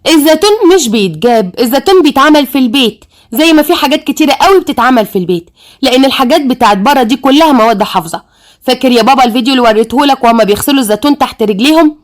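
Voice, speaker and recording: Woman playing a fussy young daughter, Egyptian accent, shrill and high, quick and indignant, audio-story voice. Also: animated.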